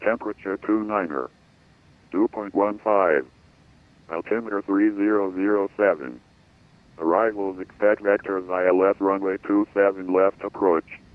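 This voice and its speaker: A man reading an airport weather broadcast over an aircraft radio, in a flat, measured delivery of codes and numbers. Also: deep voice, dry recording. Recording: tinny radio transmission.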